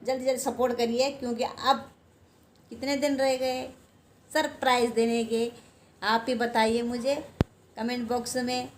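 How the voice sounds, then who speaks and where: A woman's voice: on the high side, flat delivery, unhurried, pauses often, slight background noise. An older woman chatting casually to her vlog viewers, rambling and self-deprecating. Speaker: home vlogger. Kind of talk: casual chat to camera.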